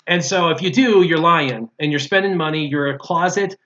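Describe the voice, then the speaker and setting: Heard over dull lo-fi audio, a guest in a gaming discussion who formerly played mobile games speaks at a moderate pace with a fairly high pitch and fairly bright tone. He is casual and strongly opinionated, repeating himself to drive points home.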